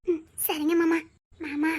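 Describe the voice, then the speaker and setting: Woman playing a very high, sweet young girl with a Tirunelveli accent. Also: level tone, takes it slowly. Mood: tender. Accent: Tirunelveli Tamil. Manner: gentle, affectionate, teasing. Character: sheltered young woman student, sweet and playful. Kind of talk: web-series drama acting.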